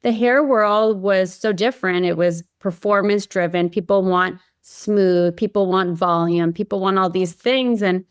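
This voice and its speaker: A woman from Hawaii, United States, a company founder, chats informally as a podcast guest about her own story, filling it with "you know" and "like." Her mid-range voice is clean and measured with few pauses, recorded dry at studio quality.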